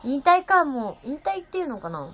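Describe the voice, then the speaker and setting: A woman's voice: high-pitched, very animated, moderate pace. A seventeen-year-old girl chatting on a phone livestream, bubbly and thanking viewers one by one. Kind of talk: casual livestream chat reading viewer comments. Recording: slightly dull sound with faint music.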